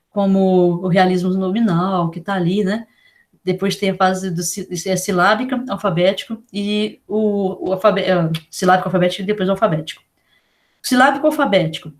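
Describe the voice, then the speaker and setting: A woman with a Brazilian accent giving a casual online lecture, chatty and full of slang, spelling out letters slowly. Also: medium pitch. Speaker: teacher.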